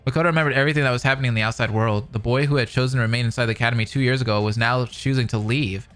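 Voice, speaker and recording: This streamer speaks very fast in a mid-range, steady, fairly bright voice. He reads a fan-dubbed visual novel's narration aloud and reacts with loose, slangy excitement, all with music underneath.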